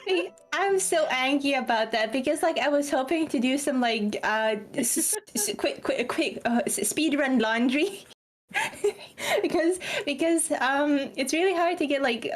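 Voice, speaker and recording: A woman rambles through a casual stream chat, her voice fairly high. She reads out chat messages and laughs often. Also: a little slow.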